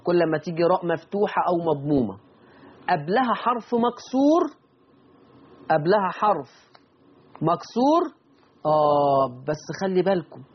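A man with an Egyptian accent explaining recitation rules as a teacher, drawing out and repeating example words slowly. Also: high voice, husky, lo-fi sound. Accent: Egyptian Arabic.

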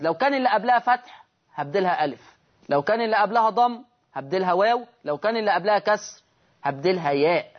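On a broadcast lesson, a man with an Egyptian Arabic accent and a fairly high voice teaches recitation rules, slowly stretching out the example words as he recites them. He then poses questions to his listeners and answers them himself. The audio is a bit dull and lo-fi.

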